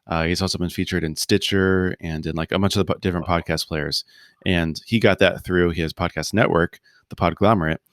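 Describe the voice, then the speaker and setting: Low-voiced man, loose and rambling. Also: fairly quick, dry recording. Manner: relaxed, rambling, many fillers and restarts. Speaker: podcast guest, founder. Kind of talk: casual interview conversation. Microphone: video call.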